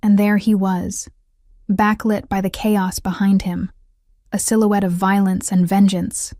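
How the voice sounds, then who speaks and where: Steady, flat-toned woman storyteller. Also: mid-range voice, no room sound, clean studio sound. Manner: measured, steady dramatic reading. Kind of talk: scripted first-person story narration.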